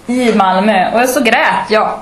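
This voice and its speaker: A woman's voice: mid-range voice, roomy sound, a little hiss or hum. A woman from Sweden, telling stories in a casual chat and mimicking people she meets. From northern Sweden. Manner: lively storytelling, mimics people.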